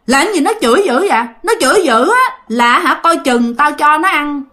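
A woman voicing a fierce, hostile old woman ghost who scolds in a shrill voice. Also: lively intonation, normal speed, fairly bright tone. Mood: threatening. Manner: shrill scolding, high-pitched.

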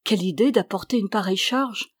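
A woman reading the lines of a calm, devoted young man in a storybook, in an earnest, steady voice. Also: mid-range voice, fairly quick, slightly rough, no echo, studio quality, close to an everyday voice. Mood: warm.

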